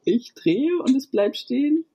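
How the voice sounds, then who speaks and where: A woman's voice: high voice, expressive, unhurried, dull audio, noisy background. A woman hosting a podcast, chatting in a casual, upbeat way and often laughing. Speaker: podcast host. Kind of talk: casual interview chat.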